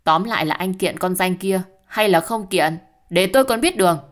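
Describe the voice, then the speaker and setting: A woman voicing a spiteful, sharp-tongued young mistress who snaps and sneers in an audio story. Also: moderate pace, natural voice. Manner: snide, shrill.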